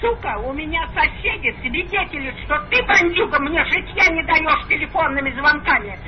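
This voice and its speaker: An elderly woman with a very high-pitched voice argues furiously over a muffled, noisy phone line. She is a foul-mouthed granny, combative and prone to shouting, piling up crude curses and insults with big swings in pitch. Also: expressive, normal speed. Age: older. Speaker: prank call victim. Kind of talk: angry phone argument.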